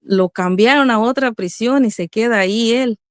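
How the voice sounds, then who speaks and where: A woman's voice: a little high, normal speed, no echo. A middle-aged woman giving an earnest religious testimony as a mother, speaking to her listeners as brothers.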